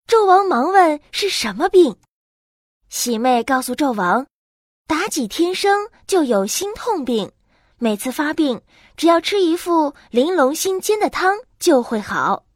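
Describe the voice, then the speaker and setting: A woman narrating a classic tale as a storyteller, in a lively, dramatic way. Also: high voice, no room sound, clean studio sound.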